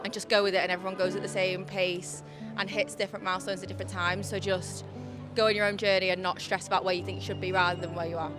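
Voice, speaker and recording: A woman in her mid-twenties shares advice in a reflective, earnest way. Her voice sits at a middle pitch, and music plays clearly behind her. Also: little pitch movement, fast talker. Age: 20s. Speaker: street interviewee.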